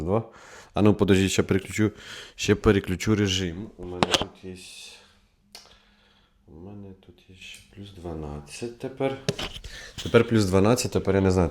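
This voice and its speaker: A man's voice: low-pitched, a little mellow. A man talking casually to camera at home, rambling and thinking aloud while he counts into a clip-on microphone he is testing. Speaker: vlogger. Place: at home, later in a kitchen. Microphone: clip-on microphone under test.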